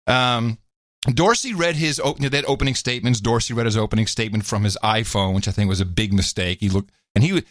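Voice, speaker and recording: A man's voice: lowish voice, fairly quick, no echo, clean studio sound. A man co-hosting a podcast, giving casual, sarcastic political commentary with sudden leaps into mocking voices. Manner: animated, sarcastic, jumps into mock voices. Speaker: podcast co-host.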